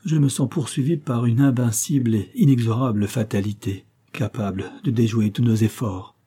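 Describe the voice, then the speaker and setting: A man voicing a desperate young gentleman who feels hunted by fate, telling his story anxiously. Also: medium pitch, moderate pace, breathy edge, close to an everyday voice.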